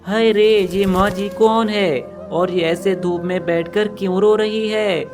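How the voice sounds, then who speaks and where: A man voicing a kind, poor female sparrow who speaks gently and politely. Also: sits high, fairly even intonation, unhurried, music in the background. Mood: gentle.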